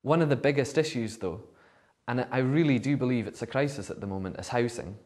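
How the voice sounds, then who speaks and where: A man's voice: mid-range voice, brisk, a little mellow. A man giving considered, thoughtful answers as an interviewee. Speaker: vox pop interviewee.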